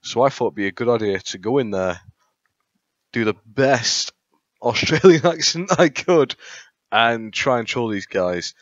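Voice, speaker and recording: A man giving a relaxed, casual intro to his video, talking loosely and swearing freely. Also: mid-range voice, a little slow, no room sound. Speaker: video uploader. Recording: dull lo-fi mic audio.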